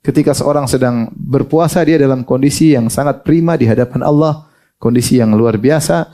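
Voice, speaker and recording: A man preaching at a religious study session, lively, often asking rhetorical questions and answering them himself. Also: medium pitch, moderate pace. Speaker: Islamic preacher.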